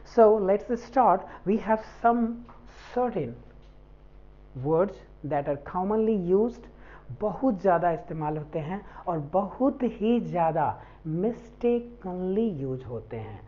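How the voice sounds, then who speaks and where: A woman's voice: fairly low pitch, lively intonation, extremely slow. A woman teaching a spoken English lesson, spelling words out letter by letter and mixing in Hindi. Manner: switches between English and Hindi. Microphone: faulty mic. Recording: dull lo-fi mic.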